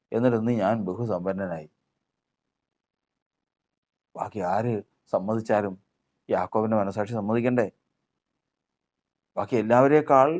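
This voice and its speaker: A man's voice: lowish voice, a little mellow. A male preacher giving a sermon, repeating phrases and asking rhetorical questions.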